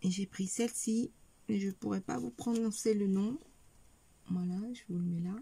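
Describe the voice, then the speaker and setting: In a craft haul video, a middle-aged woman addresses viewers as she presents each item, chatting hesitantly and filling pauses often. She speaks at medium pitch and a moderate pace, with a creaky, mellow voice and a breathy edge.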